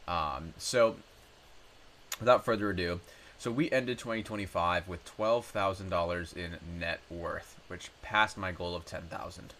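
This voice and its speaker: Speaking a little slowly, a young man in his twenties walks through his finances in a casual screen-share for his personal finance YouTube channel. He's relaxed and chatty, peppering it with ums and self-corrections, his low, cold-raspy voice still bright and forward. A faint hiss lingers under the recording.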